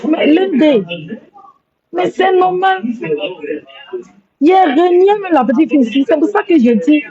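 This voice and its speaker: A social media livestreamer apologizes with emotion on her stream, rambling and saying the same things again. Her voice is extremely high-pitched, expressive, and unhurried, with crowd noise behind her, and the audio has a dull, lo-fi phone quality.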